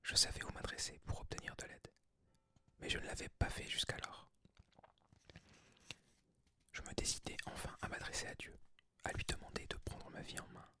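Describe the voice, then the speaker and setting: A person of unclear sex reads a book aloud for ASMR in a hushed library whisper. The voice is breathy and unvoiced, with a bright, crisp edge. The delivery stays soft throughout. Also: moderate pace, pauses often. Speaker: ASMR creator reading aloud.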